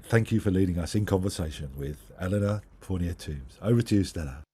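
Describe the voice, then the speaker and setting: A man with a deep voice hosts a talk, introducing the speakers in a discursive, hesitant way. He sounds short of breath, with a rough, husky edge to his words. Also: a little fast, warm tone. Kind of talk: spoken introduction at an online talk.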